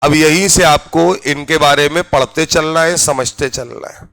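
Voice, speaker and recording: A man with a Hindi accent lectures on chemistry at a very slow, deliberate pace, his voice sitting a bit higher than usual. He keeps pausing to quiz the class with quick check-in questions. The sound is dry and close, with no room echo. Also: fairly even intonation, a bit bright. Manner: drills students with repeated questions. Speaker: chemistry teacher.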